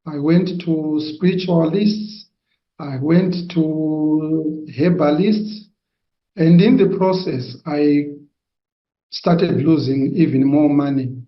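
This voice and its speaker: A man from Zimbabwe tells his personal testimony slowly and hesitantly, pausing often. His voice sits a little high. It comes through an echoey, dull-sounding video call. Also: steady tone. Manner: slow, hesitant, many pauses and fillers. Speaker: testimony giver.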